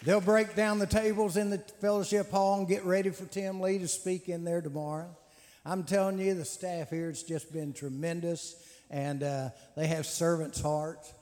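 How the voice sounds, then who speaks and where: A man with a high-pitched, flat, slightly mellow voice hosts a church men's conference at a moderate pace. His announcements and testimony come out folksy, with frequent "uh" fillers and repetition. Long hall reverb colors the sound.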